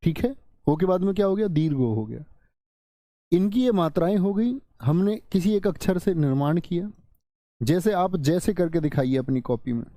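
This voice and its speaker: A man's voice: high-pitched, mellow, no echo. A man teaching a Hindi exam-prep class, drilling sounds aloud and quizzing his students as he goes.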